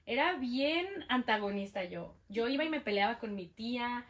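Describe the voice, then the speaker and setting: A woman's voice: on the high side, normal speed. A young Mexican woman with a Mexican accent, telling a personal story in a casual interview and acting out what people said. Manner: lively, acts out quoted dialogue. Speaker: guest sharing testimony.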